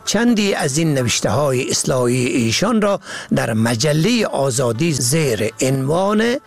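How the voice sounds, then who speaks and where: A man with an Afghan Dari accent presenting a scripted language lesson, slowly spelling words out letter by letter. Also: mid-range voice, big pitch swings, vocal fry, faint music behind. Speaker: radio presenter of a language program. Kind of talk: scripted educational reading.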